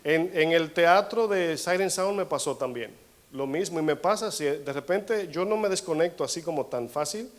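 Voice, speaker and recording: A man's voice: on the high side, moderate pace. A man preaching a sermon as pastor, telling a personal story and calling the listeners brothers. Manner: acts out dialogue, swings between soft asides and raised bursts.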